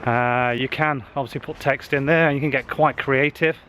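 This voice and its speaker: Casting: man vlogging on a walk, a bit winded, mid pitch, faint outdoor hiss. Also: steady tone, normal speed, fairly bright tone. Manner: chatty, with frequent "uh" fillers. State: slightly out of breath walking uphill. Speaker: social media marketing vlogger. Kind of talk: casual walking vlog. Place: outdoors on a wooded hill path. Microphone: handheld camera.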